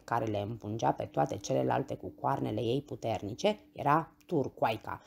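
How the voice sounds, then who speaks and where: A woman reads a bedtime story aloud, gentle and expressive. Her voice sits low, dark and husky, with a touch of gravel. The pitch moves up and down a lot as she tells it.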